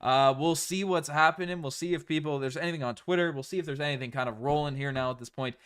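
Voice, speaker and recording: A man's voice: fairly high pitch, quick pace, a bit bright, clear, resonant tone. Man with a light Newfoundland accent, livestreaming. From Newfoundland, Canada. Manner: repeats phrases for emphasis. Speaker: sports livestream host. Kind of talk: casual livestream sports chat.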